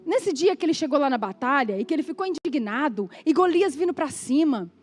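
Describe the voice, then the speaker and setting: A Brazilian woman pastor preaching a sermon in an animated, conversational way, with asides to the congregation. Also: sits high, a little fast, faint music behind. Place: church.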